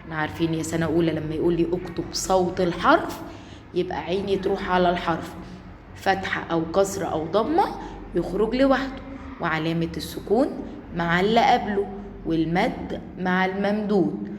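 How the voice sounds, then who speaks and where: A woman with an Egyptian accent gives a lesson to small children, coaxing and drawing words out slowly so they can follow. Her voice sits fairly low for a woman. It rings in a roomy space with a long reverb. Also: slight background noise. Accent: Egyptian Arabic. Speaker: primary school Arabic teacher. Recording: echoey room with long reverb.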